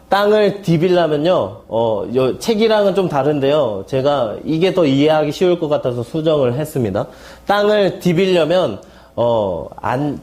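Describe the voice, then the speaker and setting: A man's voice: fairly high pitch, darkish tone. Man teaching with call-and-response quizzing. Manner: playful mnemonic wordplay, asks and answers his own questions. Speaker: Bible seminar instructor. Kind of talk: classroom lecture with call-and-response. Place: lecture hall at a seminary.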